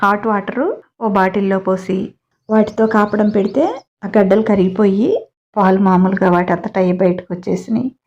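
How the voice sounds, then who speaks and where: Woman narrating a story, dull lo-fi sound. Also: mid-range voice. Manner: even, steady reading with chatty personal asides.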